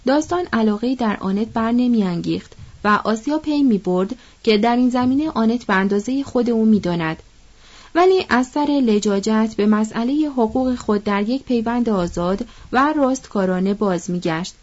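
Female audiobook narrator, measured literary reading, higher register, muffled recording. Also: a little mellow. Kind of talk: scripted narration of a novel.

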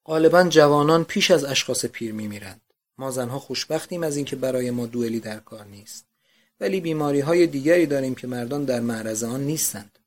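Brief: narrator playing a chatty old landlady, loud and gossipy. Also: mid-range voice, natural voice. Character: chattering older female boarding-house landlady.

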